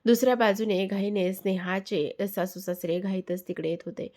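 A woman narrating an emotional family story in a soft, unhurried reading with small hesitations. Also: mid-range voice.

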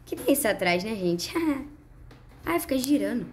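Brazilian girl playing a game and chatting to viewers, gets all excited. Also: on the high side, measured pace, slight background noise. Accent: Brazilian Portuguese. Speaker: gaming YouTuber. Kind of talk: casual gameplay commentary.

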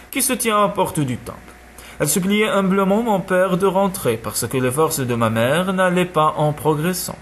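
A man narrating an audiobook in a measured, expressive way. His voice sits a little high for a man and rises and falls freely. Faint noise hums under the reading. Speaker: audiobook reader. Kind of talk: scripted narration.

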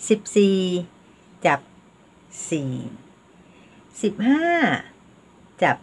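An older woman teaching a language lesson, patiently leading slow counting drills. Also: medium pitch, big pitch swings, a little mellow, slightly rough. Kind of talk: home video language lesson.

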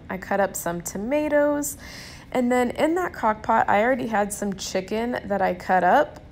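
A chatty woman with a Southern US accent narrates her home cooking in an upbeat voice-over, talking straight to her viewers. Her voice sits at an ordinary middle pitch. A faint hiss of noise runs under the recording. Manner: chatty, upbeat, addresses viewers as "you guys". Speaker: cooking vlogger.

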